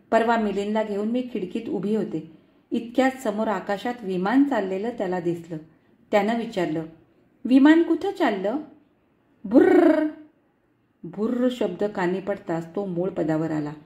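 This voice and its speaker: A woman reads a story aloud with a tender, pleading warmth, as if speaking a letter to someone far away. Her voice is mellow and soft-edged. The recording carries a noticeable room echo. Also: medium pitch, normal speed. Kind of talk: emotional story reading. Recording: echoey room.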